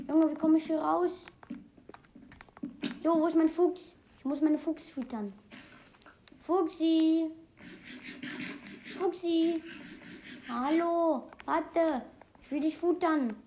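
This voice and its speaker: A woman giving casual, excitable gaming commentary, rambling through fun facts with many restarts. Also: high voice, unhurried, long pauses. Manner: excitable, keeps exclaiming "Junge". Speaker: let's play host.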